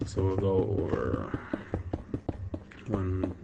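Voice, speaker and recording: A man's voice: deep voice, expressive, very slow, gravelly, highs cut off. A young man chatting and counting blocks aloud while building in a game with a friend. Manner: counts blocks aloud, asks lots of questions, laughs easily. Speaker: gamer and friend of the host. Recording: noisy voice chat recording.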